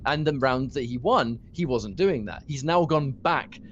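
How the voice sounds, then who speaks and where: A man with a mid-range voice provides live commentary as an esports caster. He explains and analyses the match as it unfolds. The broadcast has clear noise behind him. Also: mid-range voice, measured pace, dull audio.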